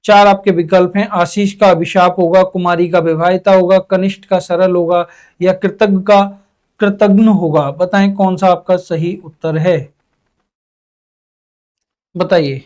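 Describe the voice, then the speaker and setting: A man's voice: high voice, steady tone, a little slow, darkish tone. A young man teaching an exam-prep Hindi lesson, asking questions and answering them himself in his students' voices, stretching out key words.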